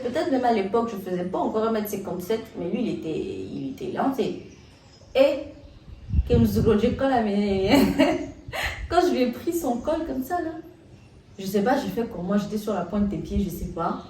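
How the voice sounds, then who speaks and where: A young woman telling a story in a casual, animated way, full of slang and restarts, as a vlogger. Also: mid-range voice, far from the mic, a little hiss or hum. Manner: animated, excitable retelling with slang. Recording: roomy echo, set back from the mic.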